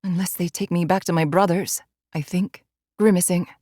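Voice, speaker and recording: A woman narrating a first-person audiobook in a measured, inward storytelling manner. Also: on the low side, steady tone, mellow, no echo, studio quality.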